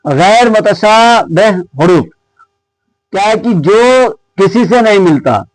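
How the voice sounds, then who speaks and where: Slow, patient male Urdu grammar teacher. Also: sits high, lively intonation, no room sound, rough recording. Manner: slow and patient, poses questions and answers them himself; reads out lists of letter names one by one. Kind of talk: exam-prep lesson.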